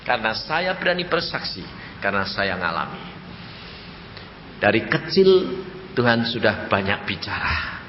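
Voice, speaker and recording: Male pastor, lively swooping sermon delivery, voices dialogue with high jumps; roomy echo. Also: a little slow, pauses often, highs cut off, slight background noise. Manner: animated storytelling preacher, acts out dialogue with sudden high pitch jumps.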